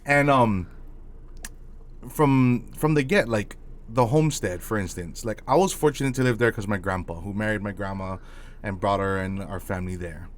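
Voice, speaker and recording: Co-hosting a casual podcast, a Hawaiian man with a Hawaiian accent speaks passionately, even heatedly, swearing freely and repeatedly asking "you know what I mean." His voice is lowish and his pace moderate.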